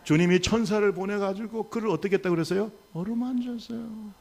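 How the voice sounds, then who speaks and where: Brief: male preacher, gravelly and a bit high, emphatic sermon with call-and-response. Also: fairly quick, a little mellow. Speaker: pastor. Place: church sanctuary.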